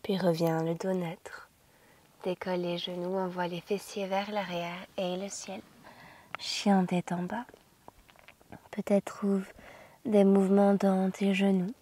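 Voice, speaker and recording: A woman yoga teacher guiding a class in a soothing, gentle, slow manner, with a soft, breathy voice that often nears a whisper. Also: mid-range voice, level tone. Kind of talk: guided yoga instruction.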